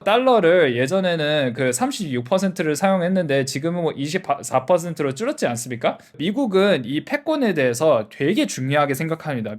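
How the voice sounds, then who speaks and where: Man, South Korean, slightly high voice, lively swooping intonation, simple step-by-step explainer, rhetorical questions. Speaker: explainer video host. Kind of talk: casual explainer in simple terms.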